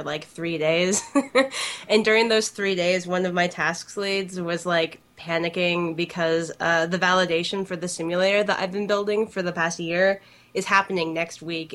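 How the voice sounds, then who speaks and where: A woman co-hosts a podcast in a casual, giggly way. Her voice sits a little low, and her sentences are loose and full of filler words. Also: a bit bright. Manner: giggly, peppers talk with "like". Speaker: podcast co-host. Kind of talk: casual chat.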